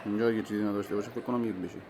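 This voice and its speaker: A man giving live commentary on his own mobile game match, talking to himself and his opponent, with sudden excited outbursts. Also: on the low side, background noise. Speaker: gaming streamer.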